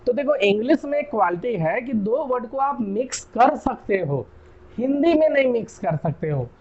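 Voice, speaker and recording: High-voiced Indian man teaching chemistry. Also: very animated, moderate pace, a little mellow, lo-fi sound. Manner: chatty, repeats key terms, asks "clear?". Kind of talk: casual classroom lecture.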